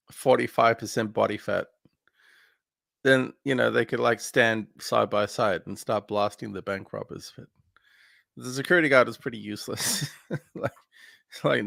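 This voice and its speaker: A man's voice: medium pitch, unhurried, creaky, pauses often, a bit bright, no room sound. A man co-hosting a casual film podcast, recapping scenes in a rambling way with lots of fillers. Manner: rambling recap with many fillers, laughs easily. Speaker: podcast co-host.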